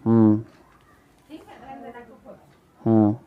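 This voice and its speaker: A young man casually reading aloud a long list of names for his viewers, sounding them out slowly and often stumbling and repeating them. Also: on the low side, monotone, smooth, phone-quality sound. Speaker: YouTuber reading Pokémon names.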